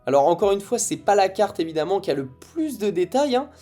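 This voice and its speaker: Excited young man opening card packs. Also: high-pitched, a little fast, soft background music. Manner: excited, reacting card by card with frequent "ok, d'accord". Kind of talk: casual pack-opening commentary.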